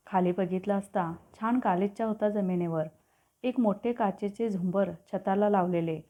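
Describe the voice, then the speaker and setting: A woman reading a story aloud in a calm, descriptive manner. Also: medium pitch. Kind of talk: scripted story narration. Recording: tinny phone-like audio.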